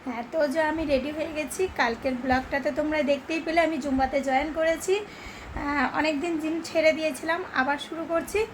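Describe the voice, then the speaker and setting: A woman's voice: high voice, fairly even intonation, quick pace, a little hiss or hum, low-quality recording. A woman with a Bengali accent chatting casually to her viewers in a daily vlog. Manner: chatty, addresses viewers directly. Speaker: vlogger.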